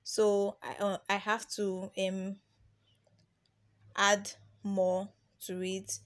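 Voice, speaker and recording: A woman's voice: mid-range voice, monotone, very slow. A young woman from Nigeria narrating a beginner nail tutorial as a voice-over, chatty, with plenty of ums and restarts. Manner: chatty, repeats herself, many ums and restarts. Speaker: nail tech teaching beginners. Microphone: voice-over recording.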